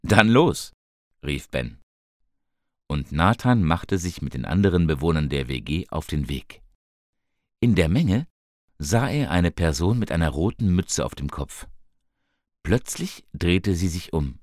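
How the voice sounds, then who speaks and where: A man reading a story aloud in a calm, scripted narration, raising his voice for the characters' quoted lines. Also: no echo, clean studio sound. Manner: calm, slow, lifts pitch for quoted characters.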